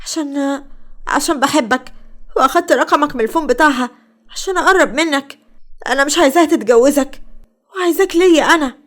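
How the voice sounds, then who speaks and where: A woman's voice: sits high, brisk, long pauses, fairly bright tone, pitched above the performer's own voice. A woman with an Egyptian Arabic accent voicing a jealous, scheming young woman who gets flustered. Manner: wheedling, flustered.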